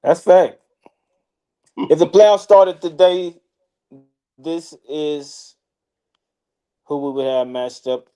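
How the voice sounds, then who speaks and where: A man's voice: on the high side, slow, long pauses, dark tone, smooth, low-quality recording. A man co-hosting a live fantasy football stream, laid-back and joking, swearing freely and talking through his picks. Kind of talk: casual live-stream banter.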